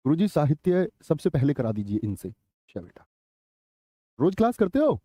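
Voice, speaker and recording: A man's voice: on the high side, sing-song, fast, dark tone, dry recording. A man teaching a live online exam-prep class, chatty, quizzing students and reading their chat comments aloud. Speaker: Hindi teacher.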